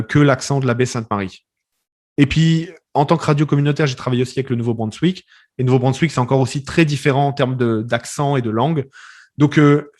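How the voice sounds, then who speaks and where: Chatty man from France, casual. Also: mid-range voice. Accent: French from France. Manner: conversational, many fillers and restarts. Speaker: community radio journalist. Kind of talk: relaxed interview.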